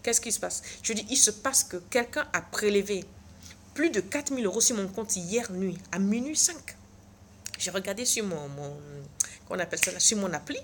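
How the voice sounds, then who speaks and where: A woman's voice: mid-range voice, expressive, moderate pace. Tired middle-aged woman vlogger, dramatic storyteller who acts out the dialogue, faint noise behind. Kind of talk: animated storytelling vlog. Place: at her workplace.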